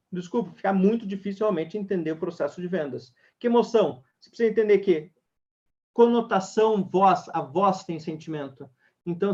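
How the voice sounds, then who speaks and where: A man leading an online sales webinar, talking energetically straight to the audience. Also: high voice. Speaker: sales trainer. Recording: dull lo-fi webinar audio.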